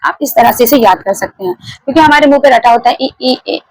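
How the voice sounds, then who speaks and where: A woman's voice: sits high, fast talker, darkish tone, dry recording, poor audio. A woman teaching a grammar lesson, explaining step by step, repeating key points and putting questions to her students. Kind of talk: classroom lecture.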